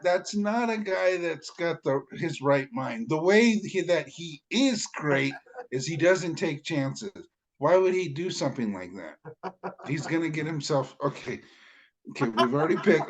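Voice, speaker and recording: Fired-up man stammering his picks. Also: fairly high pitch. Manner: heated, emphatic, stammering restarts. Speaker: podcast co-host. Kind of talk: casual MMA podcast chat.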